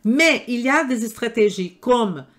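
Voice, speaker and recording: An older woman with a noticeably foreign accent gives a lecture. Her voice sits a little high, and she talks slowly and emphatically, often posing rhetorical questions to the room. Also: expressive. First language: not French. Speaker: nutrition trainer. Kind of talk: lecture to health professionals. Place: room with live audience.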